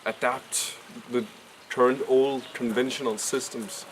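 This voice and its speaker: A man's voice: mid-range voice, fairly even intonation, a little slow, a little hiss or hum, low-quality recording. A man in his twenties from Denmark, a design student, speaking thoughtfully with small hesitations. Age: 20s. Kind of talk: outdoor interview answers.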